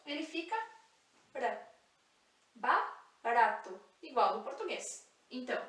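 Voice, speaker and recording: High, slow woman teaching in an echoey room. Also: lively intonation, a bit bright, far from the mic. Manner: slow, clear, spells out sounds and repeats example words. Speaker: Spanish teacher. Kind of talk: online language lesson.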